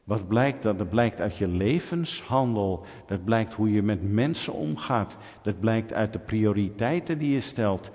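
Middle-aged guy preaching, animated, jumps loud sometimes, muffled recording w/ long hall echo. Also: lowish voice, a little slow, few pauses. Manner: animated storytelling with sudden loud peaks. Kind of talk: sermon. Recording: dull audio with long hall reverb.

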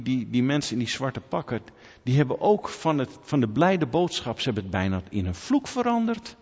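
A man preaching a sermon in church, animated and lively, swinging from quiet asides to loud, urgent calls. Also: mid-range voice. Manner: animated preaching, rising to near-shouts when quoting. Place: church hall. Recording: muffled sound in a large reverberant hall.

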